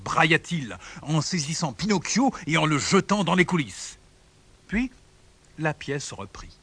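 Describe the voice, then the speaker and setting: A man reading a children's storybook aloud as narrator, in an expressive, animated way. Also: fairly high pitch, a little slow, slightly rough, no echo.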